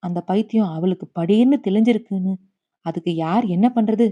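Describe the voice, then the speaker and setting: A woman's voice: medium pitch, normal speed, highs cut off, close to an everyday voice. A woman doing a harsh orthodox son. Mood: angry. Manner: curt, shouting through clenched teeth. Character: harsh orthodox middle-aged son, shouting and rigid.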